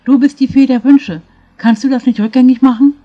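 A woman's voice: mid-range voice, normal speed, lo-fi sound, natural voice. A woman voicing a grey-haired older woman who speaks earnestly and pleads, full of regret, in a storybook reading. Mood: pleading.

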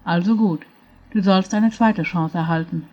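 A woman voicing a kind, calm fairy of wishes who questions gently and knowingly, in a storybook reading. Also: on the low side, normal speed, highs cut off, lightly acted.

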